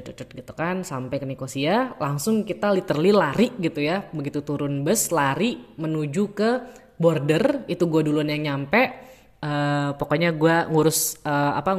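A young woman telling a travel story in a lively, casual way, mixing in English words. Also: low voice. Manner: lively, mixes in English, acts out quotes. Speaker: podcast host.

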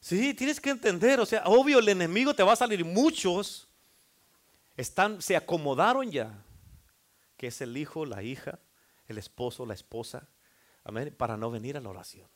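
A male pastor preaching a sermon, rising to loud fervent passages and dropping to hushed asides, acting out people's excuses. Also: a little high, lively intonation, moderate pace.

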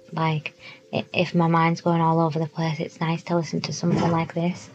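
Young woman, podcast host, low and flat delivery, chatty and rambling, dull home recording. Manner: rambling, self-deprecating, many fillers and swearing. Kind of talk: casual solo podcast monologue. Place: indoors, in a tent.

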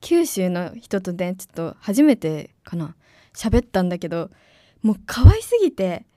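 Excitable young woman chatting on radio. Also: medium pitch, moderate pace, dry recording, studio quality. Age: young adult. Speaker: radio talk host, announcing student. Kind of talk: casual solo radio talk.

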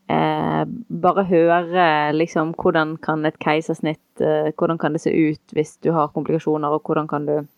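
A woman's voice: deep voice, dry recording, phone-quality sound. A woman hosting an interview in casual chat, often stringing several questions together. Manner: chatty, piles up several questions at once. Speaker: podcast host.

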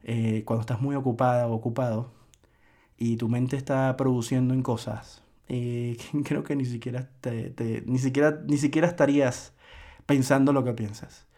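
A man's voice: mid-range voice, steady tone, moderate pace, warm tone. A man hosting a solo podcast, lecturing earnestly in a reflective monologue with frequent restarts. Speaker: podcast host.

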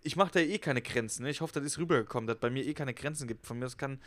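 Young man, podcast co-host, rapid slangy storyteller. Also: mid-range voice, fairly bright tone. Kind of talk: casual podcast chat.

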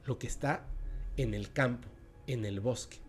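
A man's voice: mid-range voice, normal speed, soft background music. Mexican male podcast host, dramatic spooky storyteller, mid-range voice. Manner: dramatic, drops to a hushed voice at tense moments.

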